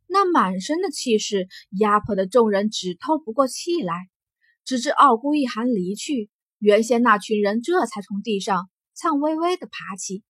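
A woman narrating a fantasy novel as an audiobook in a steady, expressive storytelling manner. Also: a little high, breathy edge, no echo.

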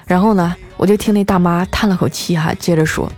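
A woman hosting a podcast, telling funny everyday stories in a lively, chatty way with drawn-out filler sounds. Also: lowish voice. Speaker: podcast host. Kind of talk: scripted comedic storytelling. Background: faint background music.

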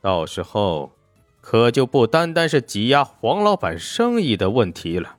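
A man plays a proud young gangster in a storybook tale, speaking coldly and with measure. His voice is dry, and his pitch moves in lively swings. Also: dry recording, faint music behind. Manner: cold and measured.

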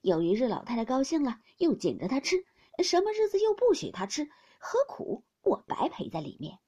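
Woman putting on a fussy old nurse lady, loud and grumbly, breathy voice that swings all over. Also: sits high, big pitch swings, a little fast, exaggerated voice. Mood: grumbling. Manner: loud, complaining, aggrieved.

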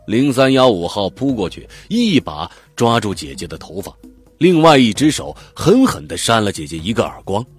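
Husky, expressive male audiobook narrator. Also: lowish voice, normal speed. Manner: vivid, expressive storytelling. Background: faint background music.

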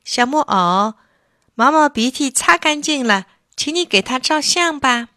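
Caring little girl, coaxing and lively, bright high voice, as a woman puts her on. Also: unhurried, dry recording, clean studio sound, exaggerated voice.

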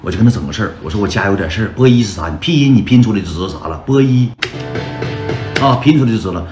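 A man's voice: fairly low pitch, animated, very fast. A man with a Northeastern Mandarin accent telling his own story on a livestream. He talks in a chatty way and keeps calling out to the viewers as brothers. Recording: roomy echo with loud background music.

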